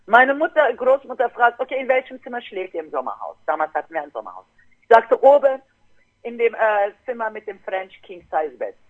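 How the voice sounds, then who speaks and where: A woman guest telling a family story casually in a podcast, lively and acting out her relatives. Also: on the high side, brisk. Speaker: guest DJ and producer. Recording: tinny phone-like line.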